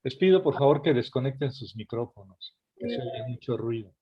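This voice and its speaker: A man's voice: medium pitch, expressive, normal speed, lo-fi sound. A man lecturing on a scripture passage in an online class over a video call, explaining as he goes and turning to his listeners with asides. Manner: engaging, often addresses listeners with asides.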